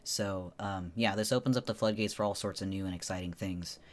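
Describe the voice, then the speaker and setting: A man with a fairly low voice, chatting as a streamer on a casual livestream. His delivery is informal and rambling, with loose, conversational phrasing. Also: fairly even intonation, a little fast. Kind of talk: casual solo livestream chat.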